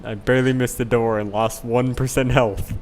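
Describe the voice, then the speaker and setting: Young dude hosting a space game stream, mid voice, rambly and chill, faint hiss in the background. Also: male voice, medium pitch, level tone, fairly quick. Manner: rambling, easygoing, laughs at his own mishaps. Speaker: channel host and player. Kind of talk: casual gameplay chat.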